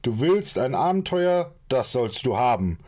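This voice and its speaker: A man's voice: medium pitch, normal speed, voice pushed up, lightly acted. A man voicing an irritable male leader who scolds and barks orders at his companions, in an audiobook reading. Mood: furious. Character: irritable male leader, short-tempered and commanding.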